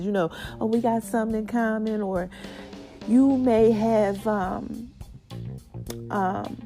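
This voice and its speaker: A woman podcast host giving a casual, excited motivational monologue, with a slight lisp and mouthful-sounding speech from stitches after mouth surgery. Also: a little high. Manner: excited, folksy, repeats phrases for emphasis.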